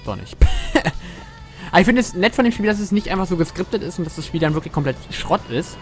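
Soft music plays beneath a high-pitched, expressive male voice speaking a little quickly. He's a gaming streamer with a German accent, cracking jokes in casual let's-play commentary, chatting with viewers and swearing freely.

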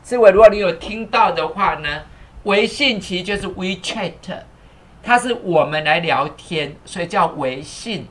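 A man's voice: high-pitched, moderate pace. Chatty male teacher spelling out English words. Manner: spells words letter by letter, repeats phrases, many fillers; thanks viewers and asks the crew to fix captions. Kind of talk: live-streamed English lesson.

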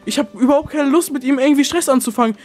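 A man's voice: extremely high pitch, rapid-fire, a little mellow, soft background music. A young man acting in a game short film, talking nervously and rambling to viewers. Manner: nervous, rambling, many fillers. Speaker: youtuber voicing his game character.

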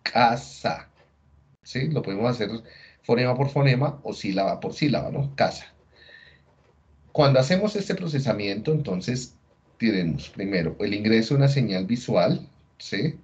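A man giving a class lecture, explaining step by step, often pausing to check in with his listeners and rephrasing himself as he goes. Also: mid-range voice, lively intonation, darkish tone. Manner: restarts and rephrases mid-sentence. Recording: dull lo-fi audio.

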